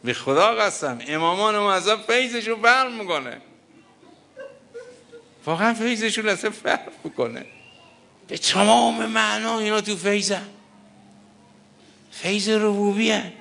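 Older male preacher, mourning sermon, forceful bright voice, impassioned and grieving. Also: high voice, lively intonation, gravelly, pauses often. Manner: impassioned, grieving, breaks into lamenting chant.

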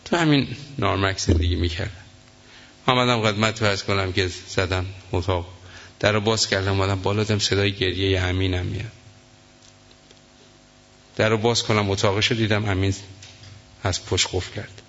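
A man's voice: low voice, steady tone, long pauses, a bit bright. A man preaching a sermon, telling an emotional story and voicing the people in it. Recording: echoey hall, dull lo-fi sound.

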